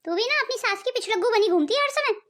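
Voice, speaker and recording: A woman voicing a sharp-tongued, scolding middle-aged mother in a cartoon family drama, speaking in a taunting way. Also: very high voice, lively intonation, quick pace. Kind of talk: cartoon voice acting.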